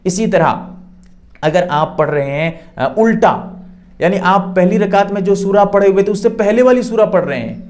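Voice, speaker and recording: Male religious teacher, slightly high voice, patient step-by-step explainer with emphatic rises. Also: expressive, a little mellow. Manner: explanatory, repeats points, rises in pitch for emphasis. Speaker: Islamic teacher. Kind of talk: religious instruction.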